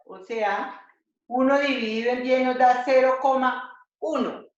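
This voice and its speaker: A woman teaching a slow, repetitive math lesson to children, often checking that they follow. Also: high voice, fairly even intonation. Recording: echoey dull home recording.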